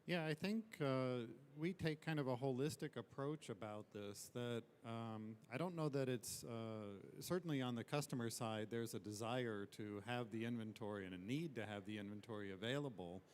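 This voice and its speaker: A man's voice: medium pitch, moderate pace, few pauses, a little hiss or hum. A man answering as a guest on an industry panel, explaining his views in a thoughtful way.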